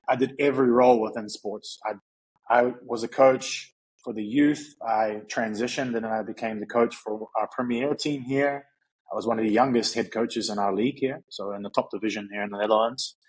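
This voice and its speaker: This low-quality recording features a New Zealand man in his thirties with a fairly low voice and a breathy edge. He is a strength and conditioning coach appearing as a guest in an interview, talking casually and reflectively, rambling with lots of fillers.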